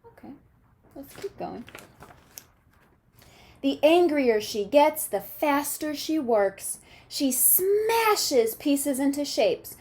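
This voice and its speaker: Her voice sits high as this woman teacher reads a picture book aloud to children, expressive throughout and pausing to ask questions that check their comprehension.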